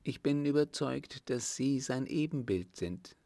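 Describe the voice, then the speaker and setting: A man voicing an earnest, timid young French noblewoman in a slow, gravelly audiobook reading. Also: medium pitch, lively intonation, warm tone, no room sound, pitched above the performer's own voice.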